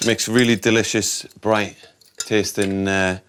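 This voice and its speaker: A man's voice: fairly low pitch, measured pace, a little hiss or hum. A man working as a barista, talking casually and a little hesitantly in his coffee shop. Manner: relaxed, hesitant with fillers. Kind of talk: casual interview.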